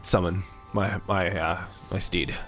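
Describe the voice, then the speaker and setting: A man speaking as a tabletop player in a lower voice, calm and somewhat formal. Faint music sits underneath. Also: unhurried. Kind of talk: casual tabletop chat.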